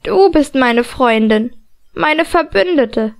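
Woman reading a young male seer, dreamy, cryptic, slow, high-pitched voice, audiobook. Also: expressive, exaggerated voice. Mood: earnest. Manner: slow, detached, riddling speech. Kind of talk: audiobook character voice.

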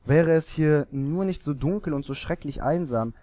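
A man's voice: a little high, moderate pace, mellow, dry recording, close to an everyday voice. A man voicing a lonely, hopeful young fir tree that asks itself earnest, wondering questions.

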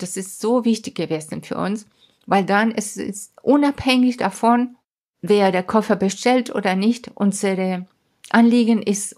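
A woman's voice: mid-range voice, darkish tone. A woman scientist, a podcast guest, explains her school project earnestly, with small grammar slips and emphatic asides. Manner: non-native grammar slips in German. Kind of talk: explaining in an interview.

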